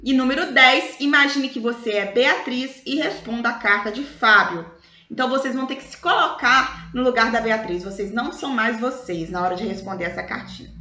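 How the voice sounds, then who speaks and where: A Brazilian woman teaching schoolchildren in a recorded review lesson, explaining slowly and stretching out example words in a sing-song way. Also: a little high, sharp tone. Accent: Brazilian Portuguese. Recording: echoey room.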